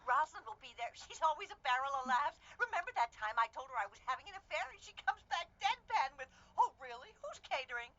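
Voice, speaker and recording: An actress playing a chatty society woman gossiping on the phone, gushing and lively. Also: high voice, fast, few pauses, heavily acted. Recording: dull lo-fi dubbed film audio with faint hiss.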